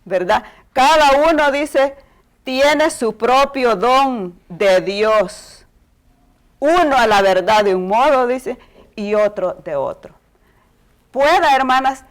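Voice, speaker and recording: A middle-aged woman giving a Bible class talk to women, often tagging her sentences with a questioning "right?". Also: on the high side. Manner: tags phrases with ¿verdad?, addresses hermanas.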